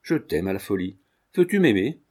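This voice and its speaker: A man's voice: lowish voice, very animated, normal speed, a little mellow, husky, voice pushed down. A man reading a young male tailor who earnestly and tenderly pleads his love. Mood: pleading.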